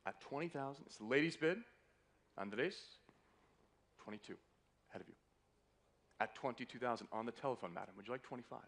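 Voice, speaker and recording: A man's voice: mid-range voice, a little fast, vocal fry, long pauses, fairly bright tone. A man working as a fine art auctioneer, calling a live sale with polite, courteous patter that keeps repeating the bids. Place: live auction room in a hotel.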